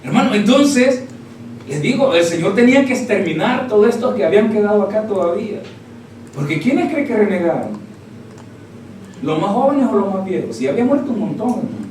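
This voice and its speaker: A man's voice: sits high, darkish tone. A man preaching a sermon as pastor, peppering his talk with "brother" and rhetorical questions, heard from a distance in a very echoey church hall. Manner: addresses listeners as "hermano" constantly, rhetorical questions. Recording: very echoey hall, speaker far from mic, faint noise.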